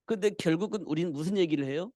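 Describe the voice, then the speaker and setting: A man's voice: sits high, fast, mellow, no echo, studio quality. A man preaching a midweek church sermon, talking to the congregation in a conversational way and asking rhetorical questions that he then answers himself. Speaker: pastor.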